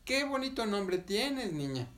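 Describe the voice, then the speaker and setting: A man's voice: sits high, very animated, unhurried, a bit bright, voice pushed up, heavily acted. A man voicing a humble vendor in a children's story, rambling apologetically with fillers. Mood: kindly. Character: humble, fussing middle-aged market vendor man.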